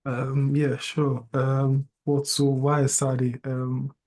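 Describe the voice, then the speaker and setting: A man from Ghana giving a casual student testimonial on a panel, talking in a hesitant, halting way. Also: mid-range voice, completely flat delivery, a little mellow. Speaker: master's student.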